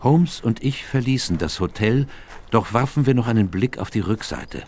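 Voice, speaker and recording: An actor playing a composed doctor who narrates a detective case in a German radio play, measured in delivery. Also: male voice, mid-range voice, lively intonation, darkish tone, a little hiss or hum, close to an everyday voice. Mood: composed, sombre. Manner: measured storytelling. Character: composed male doctor recounting his detective friend's case.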